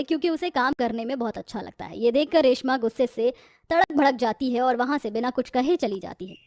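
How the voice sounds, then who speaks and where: A woman narrating a scripted cartoon story in a steady storytelling manner. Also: high voice.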